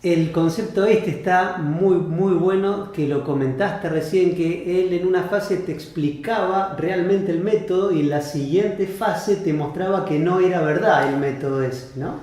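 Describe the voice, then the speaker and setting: A man's voice: high-pitched, a little slow, few pauses, darkish tone. A middle-aged man, a magician co-hosting a podcast, prompting his partner with questions and short agreements. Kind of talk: casual podcast chat. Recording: very echoey room.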